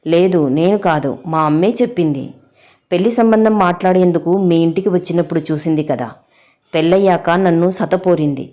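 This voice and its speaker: A woman's voice: on the low side, a little fast, mellow, lightly acted. A woman voicing a blunt, defiant young daughter-in-law in a storybook drama. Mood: firm.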